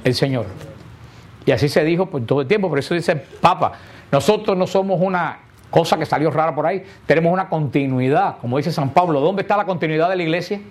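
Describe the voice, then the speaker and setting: Higher-pitched man preaching a sermon. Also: fast. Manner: explaining, asks and answers own questions. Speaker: priest.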